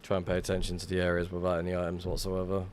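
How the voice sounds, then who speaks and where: A young man streams a game and chats casually, rambling, greeting viewers, and swearing now and then. His voice is low and monotone with a darkish tone, and he talks at a racing speed. There's slight background noise.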